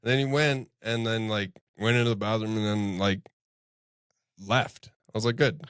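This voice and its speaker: A man's voice: fairly low pitch, normal speed, clean tone, no room sound, studio quality. A man co-hosting a podcast, a martial arts coach who tells stories casually, acting out what people said and swearing loosely. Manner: animated storyteller, acts out quoted voices, swears casually. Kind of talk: casual storytelling chat.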